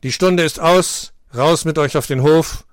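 A man doing a loud dog teacher. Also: on the high side, unhurried, clean tone, dry recording, studio quality, voice pushed up, natural voice. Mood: stern. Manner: loud, schoolmasterly. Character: strict school teacher, a Great Dane.

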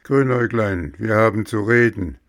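A gruff old Saint Nick boss, loud and scolding, low creaky voice, read by a man. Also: unhurried. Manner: booming scolding, then gentle. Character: gruff old Santa boss, stern but kind.

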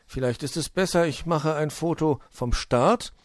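A man's voice: fairly high pitch, measured pace, dry recording, pitched above the performer's own voice, natural voice. A man voicing a sensible young boy who proposes a careful plan. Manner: careful, reasonable.

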